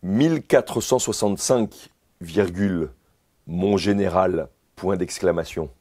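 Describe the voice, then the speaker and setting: A man's voice: sits low, takes it slowly, dark tone. A man playing a candidate in a comic dictation sketch, answering formally and repeating every phrase with its punctuation.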